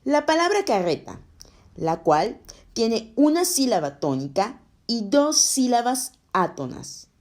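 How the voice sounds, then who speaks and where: A woman reading a scripted lesson for schoolchildren, explaining slowly and clearly. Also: fairly high pitch, sing-song, darkish tone. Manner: slow, clear, explaining to children. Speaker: teacher.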